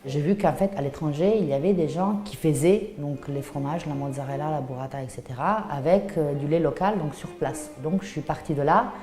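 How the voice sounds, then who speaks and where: A woman in her thirties from Puglia, southern Italy, speaks with an Italian accent about her craft as an artisan cheesemaker and shop founder, sharing a personal interview account in a hesitant, think-aloud way. Her voice is low-pitched and mellow, a little fast with few pauses. The room is echoey, with faint music behind her.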